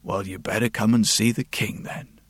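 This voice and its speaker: A man's voice: fairly low pitch, steady tone, moderate pace, a bit bright, slightly rough, dry recording, pitched below the performer's own voice. A man voicing a stern, officious royal chamberlain in a told story. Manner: curt, stern.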